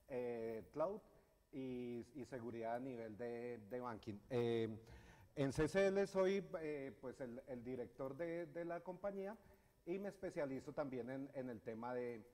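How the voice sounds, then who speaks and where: A man's voice: mid-range voice, darkish tone. A middle-aged man with a Colombian accent giving a technical conference talk, hesitant, with many fillers and restarts. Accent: Colombian Spanish. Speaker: conference speaker. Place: university lecture hall with audience. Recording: hall reverb in a lecture hall.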